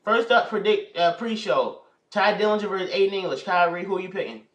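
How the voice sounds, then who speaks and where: A man's voice: high voice, fairly quick, highs cut off. A young man hosting a casual prediction video, rambling and often restarting his sentences. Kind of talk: casual wrestling predictions chat. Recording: echoey room, mic far off.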